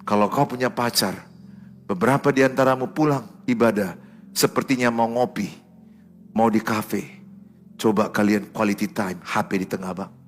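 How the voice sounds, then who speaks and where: A middle-aged male pastor preaching a sermon, swinging between loud urgent exhortation and soft, confiding asides. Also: lowish voice, moderate pace, pauses often, faint music behind.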